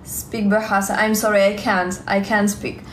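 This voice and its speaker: A young woman in her twenties from Russia, with a Russian accent, chatting on a live stream in halting, simple English full of fillers and repeated words, on a phone held close in a small room. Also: medium pitch, little pitch movement, reverberant, a little hiss or hum. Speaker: livestream vlogger. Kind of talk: live stream chat, reading comments.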